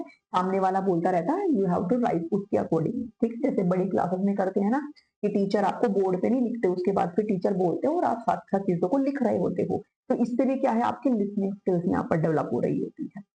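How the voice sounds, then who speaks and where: Mellow-voiced woman teaching an exam class. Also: medium pitch, low-quality recording. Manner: explains in Hindi mixed with English terms; repeats filler checks to students. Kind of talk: exam-prep lecture.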